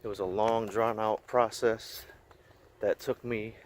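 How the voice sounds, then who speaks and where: A man's voice: fairly low pitch, little pitch movement, slow pace. Breathless man in his thirties walking outside. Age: 30s. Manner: rambling, chatty, laughs between thoughts. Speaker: vlogger. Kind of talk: casual vlog talk. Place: outdoors on a busy street, walking. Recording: outdoor recording with loud traffic and wind noise.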